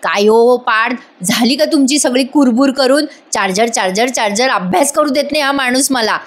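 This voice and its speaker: A woman's voice: on the high side, moderate pace, natural voice. A woman doing a snappy, scolding young wife. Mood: irritated. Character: irritated young wife absorbed in study.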